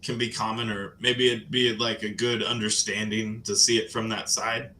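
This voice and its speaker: A man's voice: fairly low pitch, level tone, normal speed, bright, forceful tone, slight background noise. A man co-hosting a casual livestream, easygoing and matter-of-fact. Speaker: co-host.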